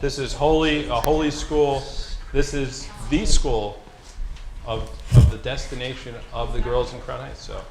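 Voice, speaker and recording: A man's voice: medium pitch, fairly even intonation, a little slow, noisy background. A man hosting a fundraising broadcast, running a playful trivia quiz with teasing jokes. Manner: jokey, teasing, exaggerated repetitions.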